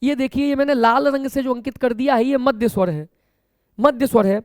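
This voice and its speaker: A man with a notably high-pitched voice teaches an exam-coaching grammar lesson. He explains patiently, point by point, and keeps turning to his students as children. The sound is dry and close, with no room echo. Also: brisk.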